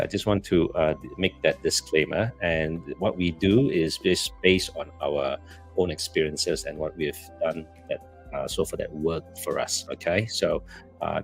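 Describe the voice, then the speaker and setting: A man's voice: low voice, vocal fry. A man with a Malaysian accent co-hosting a casual live chat, talking in a hesitant, rambling way. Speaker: co-host of a live stream.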